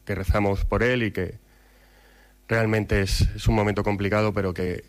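A man speaking as a club representative, giving a formal, measured press-conference statement with hesitations. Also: fairly low pitch, level tone. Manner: measured, hesitant with fillers and restarts.

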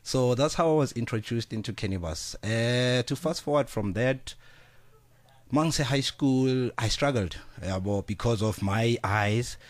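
A man's voice: medium pitch, a little slow, dry recording. South African man, casual, mixing in Zulu. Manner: casual, mixes Zulu words in, many fillers. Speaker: studio guest, business founder. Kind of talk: radio interview. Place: radio studio.

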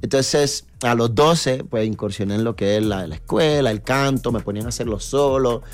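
A man from New York, a reggaeton artist chatting as a guest in a relaxed interview, with lots of fillers and tag questions. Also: mid-range voice, moderate pace. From New York, USA. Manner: animated storyteller, many fillers and tag questions. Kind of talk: casual interview chat.

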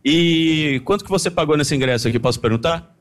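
A man with a Brazilian Portuguese accent, reporting live outside a stadium and asking fans quick, chatty questions. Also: on the high side. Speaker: field reporter. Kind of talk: live street interviews.

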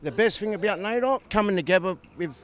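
Proud Australian dance teacher, high voice. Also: male voice, fast talker. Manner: proud, relaxed. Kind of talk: interview.

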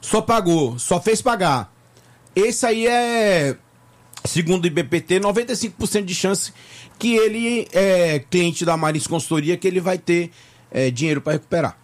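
A man from Bahia, Brazil, speaks on a morning radio show as a tax consultant guest. His voice sits a bit high for a man, and he rambles, restarts and repeats words as he explains. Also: moderate pace. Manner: chatty, repeats himself, many fillers. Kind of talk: casual radio interview. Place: radio studio.

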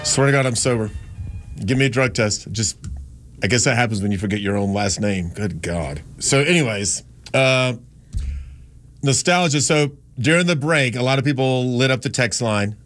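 Hosting a talk radio show from a studio microphone, a man from Gastonia, North Carolina, chats casually about listener texts in a rambling, self-deprecating way. His mid-range voice is lively, a bit bright, and at normal speed, with faint music behind him.

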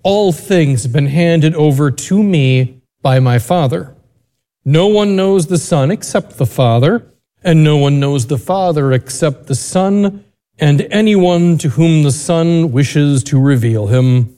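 A man, a priest reading the Gospel and giving a homily in a measured, deliberate way, his voice ringing with cathedral echo. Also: on the high side, warm tone. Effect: cathedral echo, long reverb of a large church. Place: large church. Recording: long church reverb.

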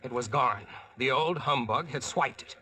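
A man's voice: medium pitch, normal speed, sharp tone, soft background music. An actor playing a brash, wisecracking American who narrates his own adventure in a slangy, cocky way, in 1940s radio drama style.

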